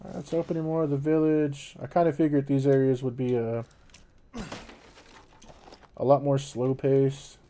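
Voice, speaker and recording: A man's voice: medium pitch, flat delivery, a little slow, long pauses, mellow. A man in his thirties, casually chatting and joking as he plays a game on a live stream, swearing freely. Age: 30s. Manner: laid-back, swears a lot, joking.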